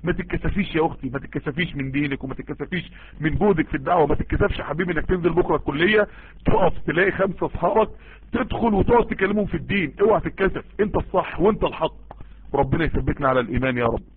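A man's voice: fairly high pitch, rapid-fire, breathy edge, dry recording. A man with an Egyptian accent preaching and giving religious advice, earnest and emphatic, often repeating himself to drive a point home. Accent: Egyptian Arabic. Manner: earnest, emphatic, addresses listeners directly and repeats for stress. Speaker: preacher answering listener messages. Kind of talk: informal Islamic sermon and advice. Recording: tinny phone-like line.

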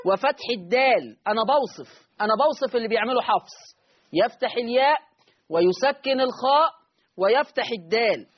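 A man with an Egyptian accent teaching Quran recitation on a call-in lesson, repeating each point slowly so listeners can write it down. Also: very high-pitched, dull audio. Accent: Egyptian Arabic.

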